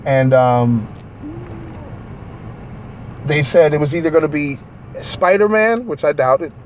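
A man co-hosting a podcast in casual chat, animated and profane, rambling with frequent laughs. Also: on the high side, takes it slowly, a little hiss or hum. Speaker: podcast co-host.

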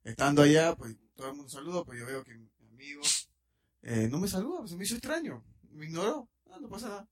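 A man's voice: a little high, sing-song, quick pace, darkish tone. A young man, chatty and joking as he tells a story on a podcast. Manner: chatty, repeats himself, joking. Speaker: podcast co-host. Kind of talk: casual storytelling among friends.

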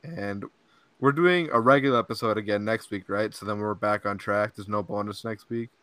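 A young man hosts a podcast, speaking into a podcast mic in a lowish, slightly bright voice at a moderate pace with no room sound. His casual chat rambles, full of laughter and frequent "like" and "dude."

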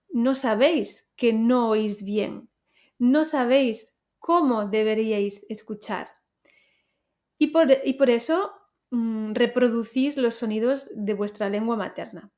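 Woman from teaching pronunciation on her podcast, slightly high voice, clear and deliberate, talks right to you. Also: darkish tone. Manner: clear, deliberate teaching delivery, addresses listener directly. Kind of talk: podcast lesson for learners.

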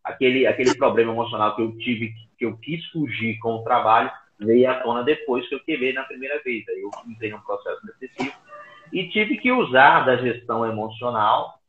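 A man speaks over an internet call, his voice thin and boxy like a phone line, with a hollow echo around it. He is an interview guest telling his story casually, halting and often repeating words at a middling pitch. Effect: heard over an internet call line. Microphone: remote call device. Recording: tinny echoey call audio.

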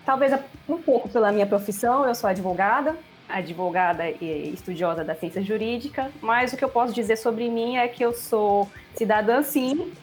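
Uma mulher brasileira, advogada, se apresenta num podcast com fala calma e segura. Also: female voice, fairly high pitch, moderate pace, faint music behind. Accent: Brazilian. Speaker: lawyer, new co-host. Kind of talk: casual podcast chat.

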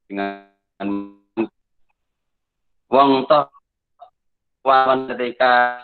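A man talks slowly through an online meeting, his words arriving in halting, broken-off pieces. The call audio is choppy and breaks up. It sounds thin and tinny, like a poor phone line. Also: mid-range voice. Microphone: video call.

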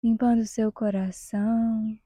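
In a slightly high voice, a Brazilian woman guides a meditation with a soft, breathy, half-whispered delivery. She stays calm and soothing, leaving long, measured pauses, and there's no room sound.

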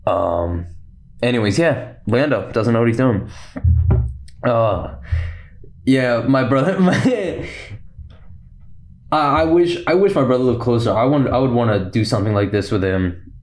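A young man hosting a casual solo podcast, rambling quickly and laughing often. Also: medium pitch. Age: young adult. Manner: rambling and fast-talking, with frequent laughs. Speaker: podcast host.

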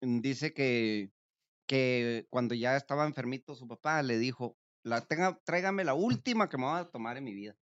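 A man's voice: medium pitch, moderate pace, fairly bright tone, dry recording, highs cut off. A man telling stories on a casual podcast, sometimes singing bits of songs. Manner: storytelling, sings snippets of songs.

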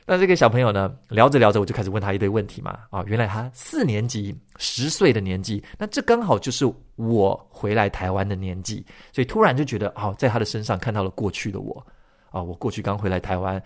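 Male podcast host, slightly low and gravelly, chatty storyteller. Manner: chatty, ends phrases with drawn-out particles.

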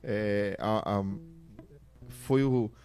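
A man, an animated storyteller who laughs often while telling stories in casual podcast chat. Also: fairly low pitch, drawn-out words, soft background music. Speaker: church musician on a podcast.

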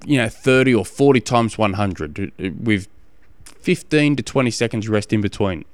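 A man with an Australian accent giving casual coaching advice as a podcast host, halting and often repeating phrases as he explains. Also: fairly low pitch, expressive, no room sound.

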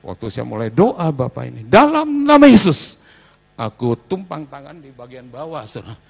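A middle-aged man, a pastor, preaching a sermon in a church, swinging between soft asides and loud exhortation. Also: medium pitch, a little fast, creaky, slightly rough, muffled recording. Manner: laughs while telling anecdotes.

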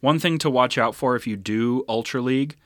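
A man's voice: mid-range voice, fairly quick, no room sound. Man, casual gaming podcast chat, rambling and easygoing, dry close sound. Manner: relaxed, rambling, laughs often. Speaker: podcast co-host.

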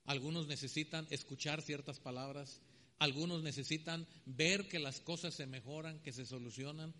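High bright preacher guy, acts out the people in his stories, echoey church. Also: moderate pace. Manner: animated storytelling preacher, acting out characters' voices. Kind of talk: sermon.

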